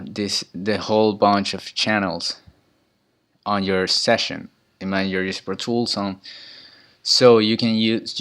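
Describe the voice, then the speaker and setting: A man talks through an informal tutorial, explaining step by step and pointing at the gear as he goes. His voice sits low and sounds smooth and clear. He often restarts his phrases mid-thought. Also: fairly bright tone. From Ecuador. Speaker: student presenter. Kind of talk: informal tutorial on audio mixing.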